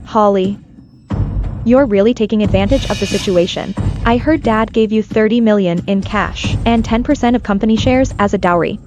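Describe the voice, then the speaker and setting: A woman's voice: medium pitch, moderate pace, music in the background, close to an everyday voice. A woman dubbing a scheming, manipulative younger sister in a drama, falsely sweet and taunting. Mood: indignant. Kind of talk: English drama dub.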